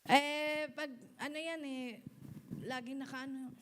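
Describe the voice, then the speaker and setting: A woman pastor, preaching a sermon in an animated way. She mixes English into her talk and calls out to the congregation for responses. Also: sits high, slow.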